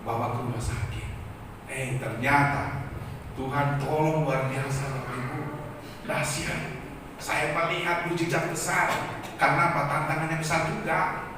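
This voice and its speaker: A man's voice: a little high, flat delivery, measured pace, noisy background. A man preaching a fervent sermon as pastor, often addressing the congregation directly. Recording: echoey hall, from far off.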